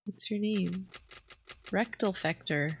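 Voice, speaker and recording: A woman's voice: medium pitch, takes it slowly, slight background noise. A woman playing a co-op game with the host, chatting casually with dry teasing humor. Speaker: co-op player, guest. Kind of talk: casual gameplay chat.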